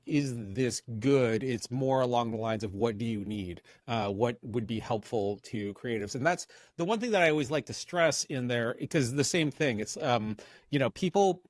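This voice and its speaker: A man's voice: mid-range voice, dry recording. A man talking as a podcast guest in casual interview chat, rambling with many fillers and restarts.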